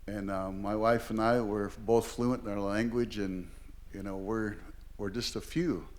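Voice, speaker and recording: A man's voice: on the low side, steady tone, measured pace. A man in his sixties from Oregon, a language teacher, telling a humorous story live on stage with lots of fillers. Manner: rambling and humorous, heavy with fillers. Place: performing arts hall, live event.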